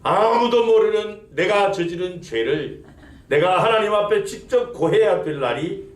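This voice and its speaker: A man's voice: sits high, expressive, unhurried. A male pastor preaching a sermon, building emphasis and asking the congregation rhetorical questions. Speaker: senior pastor. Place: church sanctuary. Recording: echoey church sanctuary.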